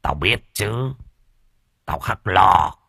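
A man's voice: sits low, lively intonation, extremely slow, gravelly, pushed and bright, slightly rough, dry recording, studio quality, exaggerated voice. A man doing a domineering village landlord. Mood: smug. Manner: domineering, gloating. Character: cruel, arrogant rich village landlord.

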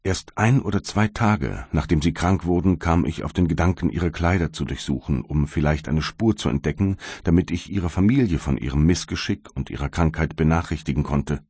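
A man voicing a kindly but stern male magistrate in an audiobook, speaking in a measured way. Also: extremely low pitch, slightly rough, no room sound, clean studio sound, heavily acted. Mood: concerned. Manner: gentle, measured, turning stern.

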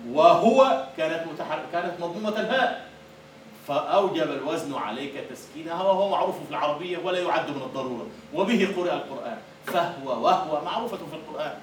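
A man with an Egyptian Arabic accent giving a university lecture on poetry and meter, who explains words and then recites verses slowly and emphatically. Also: fairly high pitch, expressive. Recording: echoey room from a distant mic with faint noise.

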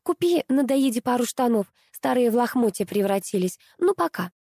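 Woman narrator voicing a spiteful, pushy young woman; shrill and demanding, dry close sound. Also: lively intonation, moderate pace, darkish tone, no room sound. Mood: cheerful. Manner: whiny, demanding, shrieking.

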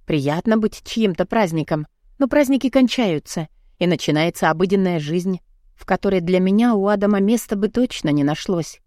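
A woman narrating a first-person audiobook, expressive and emotional. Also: mid-range voice, moderate pace, no room sound, clean studio sound.

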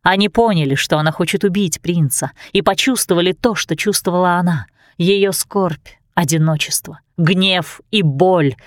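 A woman reading a fairy tale aloud with expressive, dramatic narration. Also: lowish voice, normal speed, no room sound. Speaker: audiobook narrator. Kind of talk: scripted storybook narration.

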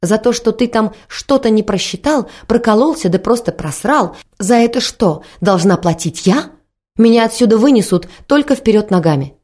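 A woman voicing a spoiled young wife who is shrill, demanding and tearful. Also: brisk, mellow, close to an everyday voice. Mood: shrill, indignant. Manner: shrill, indignant, tearful pleading.

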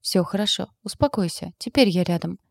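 A woman doing a firm, forceful young healer. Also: lowish voice, a little fast, creaky, no echo, studio quality.

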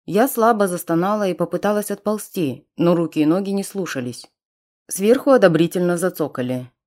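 A woman's voice: lowish voice, a little fast, a little mellow. A woman narrating a first-person audiobook in a tense, dramatic reading.

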